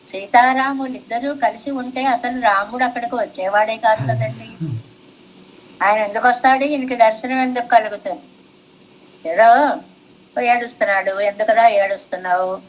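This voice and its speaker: High-voiced woman teaching scripture. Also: normal speed, long pauses, slight background noise, low-quality recording. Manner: explanatory, asks rhetorical questions and answers them; recites classical verses and commentary in a chanting cadence. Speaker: religious teacher. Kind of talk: devotional discourse explaining scripture commentary.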